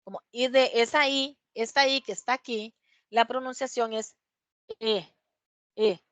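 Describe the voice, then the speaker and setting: A woman's voice: on the high side, steady tone, no room sound. A woman teacher explaining English past tense rules in a patient way, checking in often with her students. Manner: drills English words slowly, one by one. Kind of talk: online class explanation.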